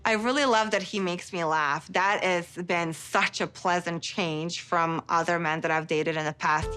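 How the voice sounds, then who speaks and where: A woman's voice: fairly low pitch, normal speed. Woman, 30s, from Bosnia; candid, giggly confessional over background music. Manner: giggly, candid, animated storytelling. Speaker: reality show cast member. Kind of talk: confessional interview.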